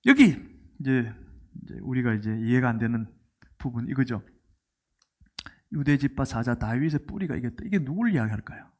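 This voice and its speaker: Preaching at a moderate pace with long pauses, this middle-aged pastor has a mid-range voice. His storytelling is animated, and he puts questions to the congregation while acting out the quoted lines.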